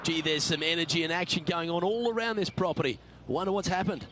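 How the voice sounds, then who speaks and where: A man playing a composed golf commentator in a video game, calling play in measured, understated short phrases. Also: on the high side, background noise, lightly acted. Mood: composed, approving. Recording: loud music and crowd behind. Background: music, outdoor crowd ambience.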